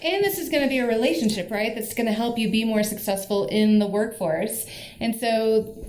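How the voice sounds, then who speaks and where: A woman's voice: on the high side, normal speed, a little mellow. Affirming host woman in an echoey room. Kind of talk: hosting an informational talk. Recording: echoey room with faint noise.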